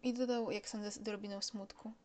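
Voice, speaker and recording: A woman narrating a storybook audiobook in a calm, measured way. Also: medium pitch.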